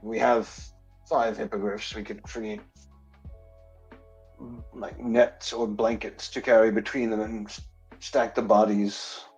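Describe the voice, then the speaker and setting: A man playing in a tabletop game, speaking in character in a measured, polite way. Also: on the low side, a little mellow, poor audio. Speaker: player.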